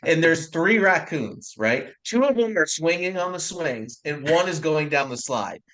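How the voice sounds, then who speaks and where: Energetic man from New York, telling a story. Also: on the high side, measured pace, poor audio. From New York area. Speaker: podcast co-host. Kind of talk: casual storytelling chat.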